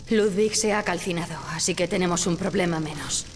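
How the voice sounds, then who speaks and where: A woman's voice: lowish voice, a little fast, natural voice. Actress as weary, sardonic woman in echoing space. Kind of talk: dramatic video game acting. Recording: hall reverb, faint background noise.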